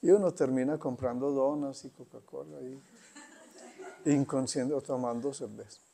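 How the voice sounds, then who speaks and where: A man giving an unhurried spiritual talk, conversational and pausing often. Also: medium pitch, vocal fry, dark tone. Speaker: spiritual teacher. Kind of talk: satsang talk.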